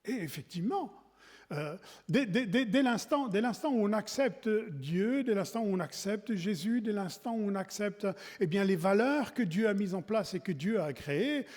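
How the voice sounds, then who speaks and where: A man's voice: sits high, expressive, moderate pace, darkish tone. A man giving a wedding sermon in a church, talking in a conversational way with frequent restarts and asides. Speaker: preacher at a wedding service. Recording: long reverb in a church hall.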